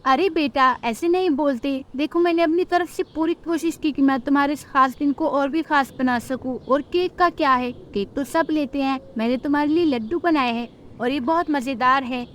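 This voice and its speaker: A woman doing a gentle mother bird. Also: high-pitched, moderate pace, few pauses, a little hiss or hum. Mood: tender. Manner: soothing, motherly.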